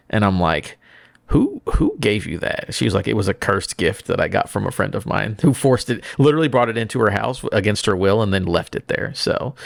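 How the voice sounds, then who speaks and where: A man's voice: lowish voice, vocal fry, dry recording, studio quality. A man co-hosting a podcast, rambling casually and swearing freely. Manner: rambling, profane. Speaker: podcast co-host. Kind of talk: casual chat.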